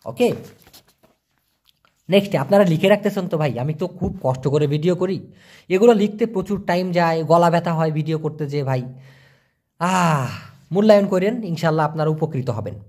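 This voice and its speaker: A man from Bangladesh, giving a casual vocabulary lesson and slowly repeating each word between chatty asides. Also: on the high side, a little mellow. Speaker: language teacher.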